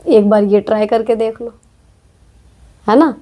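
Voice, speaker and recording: A woman with a slightly high, dark-toned voice speaks a little slowly as she hosts a casual advice segment. She answers viewer questions in a direct, frank, chatty way, often tacking on tag questions.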